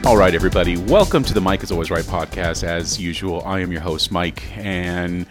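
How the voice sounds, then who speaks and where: A podcast host from the South, upbeat and joking as he interviews a guest. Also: low voice. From Southern United States. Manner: upbeat, joking, self-promoting.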